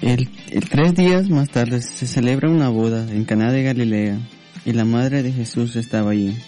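Man reading scripture, mellow tone. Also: medium pitch. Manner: steady, measured reading. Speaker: scripture reader. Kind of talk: Bible reading on radio.

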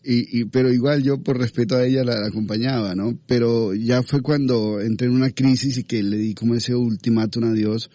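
A man from Colombia, sharing his faith testimony in an interview, halting and repeating words as he goes. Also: mid-range voice, fairly even intonation, mellow, dry recording. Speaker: guest.

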